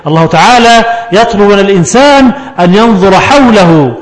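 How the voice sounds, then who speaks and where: A man with an Egyptian Arabic accent giving a religious lesson on Quran verses, lively and full of rhetorical questions. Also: high voice. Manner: animated, rhetorical questions, quick asides. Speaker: Quran teacher.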